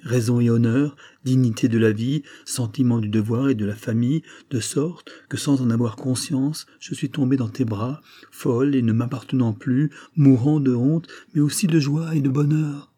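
A man's voice: medium pitch, fairly even intonation, moderate pace, few pauses, warm tone, slightly rough, no echo, studio quality, lightly acted. A man voicing a guilt-torn married woman pleading with her young lover, in an impassioned, tremulous way. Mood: anguished pleading.

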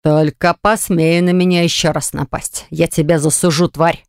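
A reader voicing a callous small-company boss who defends himself in slow, indignant tones. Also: male voice, fairly high pitch, little pitch movement, vocal fry, clean tone, no echo, studio quality. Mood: defensive. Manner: slow, indignant, self-justifying.

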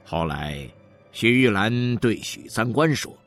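A man narrating a story in a measured, dramatic storytelling voice. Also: lowish voice, lively intonation, fairly bright tone, soft background music.

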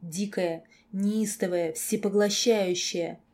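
A woman reading a first-person novel aloud as audiobook narrator, in an expressive, emotional way. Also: medium pitch, slow.

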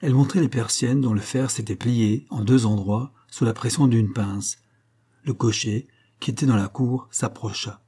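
A man reading a story aloud in measured narration, raising his voice for the characters' quoted lines. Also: medium pitch, mellow, husky. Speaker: audiobook reader. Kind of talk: scripted narration.

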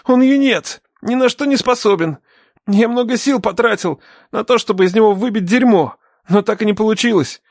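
A man's voice: sits high, normal speed, no room sound, clean studio sound, pitched above the performer's own voice. A man voicing a frightened middle-aged captive who stammers and pleads in panic, in an audiobook story. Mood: desperate bargaining.

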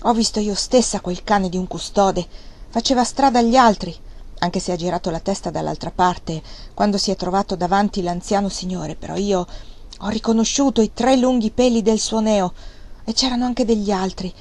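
A woman reading an audiobook and voicing a sharp-tongued, scolding servant woman with a shrill voice. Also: normal speed, lightly acted. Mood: recounting. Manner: harsh and scolding.

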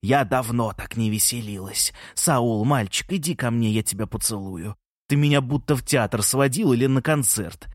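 Man doing a theatrical old granny, doting, bossy, slightly raised pitch, dry close sound. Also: moderate pace, no room sound, close to an everyday voice. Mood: gushing. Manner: gushing, teasing, fussy. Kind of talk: audiobook character reading.

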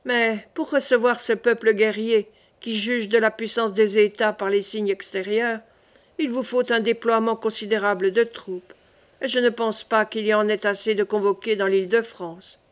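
A woman reading the part of a scheming older queen mother in an audiobook, measured and probing. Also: fairly high pitch, fairly even intonation, natural voice.

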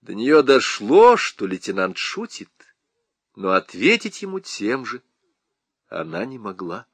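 A man reading a comic novel aloud as an audiobook narrator, with ironic, expressive storytelling. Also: on the low side, measured pace, breathy edge, no echo. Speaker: audiobook reader.

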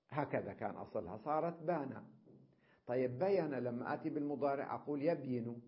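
A man teaching an Arabic grammar lesson, reading a passage aloud and then repeating and explaining it with examples and quick checks on his listeners. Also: medium pitch, highs cut off. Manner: checks understanding with short questions.

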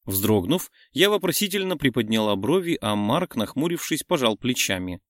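A man narrating a romance audiobook in a steady, even reading voice. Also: medium pitch, moderate pace, dry recording, clean studio sound. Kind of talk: scripted narration.

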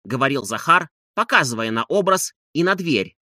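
A man narrating a classic novel as an audiobook, in a steady, measured delivery between lines of dialogue. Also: mid-range voice, dry recording, clean studio sound.

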